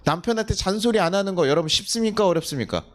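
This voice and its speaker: A middle-aged man preaching a Sunday sermon from a church sanctuary. His voice sits a little high and moves animatedly up and down. He often stops to question the congregation, then answers for them, and sometimes mimics a scolding parent. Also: expressive, racing. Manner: acts out quoted family scolding in a livelier voice. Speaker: pastor.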